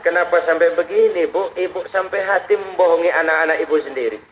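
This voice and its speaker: A man preaching a storytelling sermon, his voice sitting high and carrying colloquial speech. He acts out the people in his story, jumping from high wails down to low murmurs. Faint noise hangs behind him, as on an old radio recording. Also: steady tone, quick pace, poor audio.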